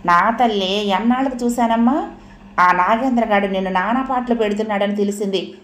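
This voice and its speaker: A woman's voice: mid-range voice, fairly quick, reverberant, close to an everyday voice. A woman voicing an older mother over sixty who scolds and heaps curses. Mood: scolding.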